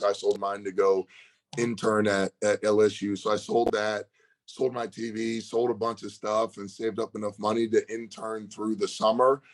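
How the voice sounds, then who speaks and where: A man, a strength and conditioning coach, telling a story in a relaxed podcast interview and acting out quoted dialogue. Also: on the low side.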